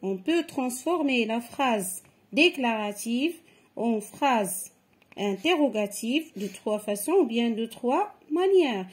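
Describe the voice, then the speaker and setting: A woman's voice: fairly high pitch, expressive, slow pace. A woman teaching a grammar lesson to children, explaining patiently and step by step. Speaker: French teacher.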